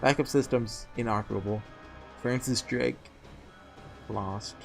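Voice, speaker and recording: A man voicing a failing machine god in a game, reading its breakdown as a flat, clipped system-error readout like a glitching robot. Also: medium pitch, measured pace, creaky, soft background music. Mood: cold, failing. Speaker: let's-play streamer reading game dialogue aloud. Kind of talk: reading game text aloud during a playthrough.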